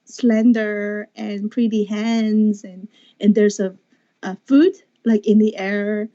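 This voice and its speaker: Mellow-voiced woman fangirling on a podcast. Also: medium pitch, slow, no room sound, dull audio. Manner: animated storytelling with many fillers. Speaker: guest. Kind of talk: casual podcast chat.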